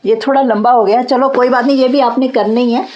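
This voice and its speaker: In a lo-fi recording with a little hiss or hum, a woman teaches English grammar through Hindi, her voice on the high side, darkish, fairly quick, and fairly even in intonation. Patiently, she reads example sentences, repeats things, and confirms understanding with "theek hai."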